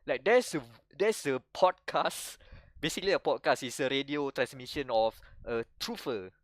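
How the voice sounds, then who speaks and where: A young man with a Malaysian English accent, co-hosting a casual podcast chat, rambling and animated with frequent restarts. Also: mid-range voice, normal speed, dry recording. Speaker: podcast co-host.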